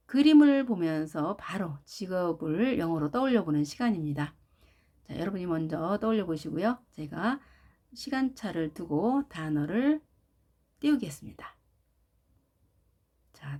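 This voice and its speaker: Slow, low-voiced Korean English teacher. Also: female voice, lively intonation, mellow. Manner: opens phrases with "자", drills English words slowly with stress. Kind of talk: slow, careful lesson narration.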